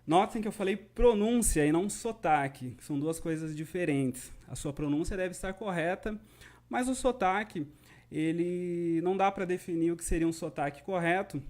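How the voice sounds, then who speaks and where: Brazilian man, English teacher on a live stream, voice a touch high, explains patiently, keeps checking in with viewers. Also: darkish tone. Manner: explanatory, often checks in with the audience. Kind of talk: live-streamed lesson, answering viewer questions.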